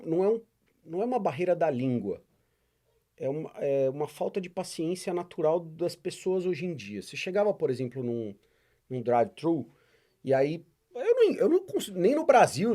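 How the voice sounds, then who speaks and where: A man talks as a guest in a relaxed podcast chat. His voice sits a little high for a man, and his pitch swings widely as he tells stories. He acts out the people he quotes. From Brazil. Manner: animated storyteller, acts out quoted dialogue. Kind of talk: casual interview chat.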